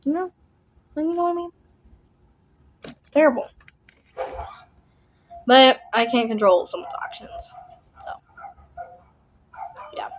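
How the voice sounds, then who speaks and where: A woman's voice: sits high, expressive, slow pace, long pauses, rough recording. A young adult woman vlogging in a casual, rambling chat, blunt and emphatic, often repeating herself.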